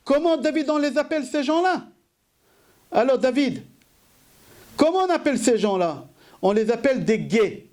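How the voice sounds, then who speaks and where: Man, rabbi, sermon, very high voice, rhetorical questions, repeated phrases. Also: expressive, normal speed, long pauses, a little mellow. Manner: asks rhetorical questions and answers them himself; repeats key phrases for emphasis.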